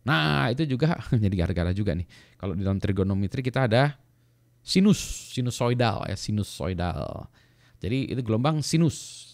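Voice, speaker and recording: Low-voiced man, chatty and self-mocking. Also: lively intonation, brisk, creaky, a little mellow. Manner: rambling, self-mocking, laughs often, spells words out. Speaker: lecturer in electrical engineering. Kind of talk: casual solo video talk.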